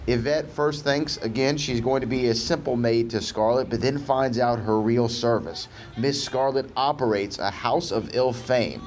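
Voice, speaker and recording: A male podcast host talks casually over a low-quality audio stream, recorded outdoors on a balcony. His voice sits at an ordinary middle pitch, and faint outdoor noise runs under it as he rambles through his pitches. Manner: pitches movie ideas to an AI, chatty with restarts.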